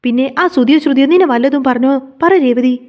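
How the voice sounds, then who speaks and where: A woman voicing a caring young husband who presses with questions, in a fast retelling of a TV serial. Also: sits high, a little mellow, lightly acted. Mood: insistent. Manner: insistent, questioning.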